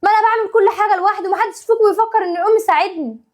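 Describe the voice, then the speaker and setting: A woman with an Egyptian accent playing a put-upon young wife and mother in a family sketch, talking in an exasperated, pleading way. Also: extremely high pitch. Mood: aggrieved. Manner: exasperated, pleading, quick rapid-fire talk. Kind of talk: home-video family sketch acting.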